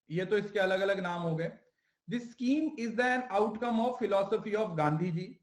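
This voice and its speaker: A man's voice: high-pitched, reverberant. A male teacher giving an exam-prep lecture in Hindi mixed with English, who asks questions and answers them himself and repeats the key terms.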